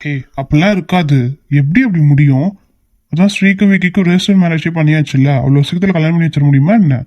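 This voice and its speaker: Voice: mid-range voice, fast talker, mellow, no echo, lo-fi sound, close to an everyday voice. A performer voicing a confident cartoon big brother. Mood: firm. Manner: confident, reassuring, scolding. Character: young man, reassuring bossy elder brother. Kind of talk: cartoon voice acting.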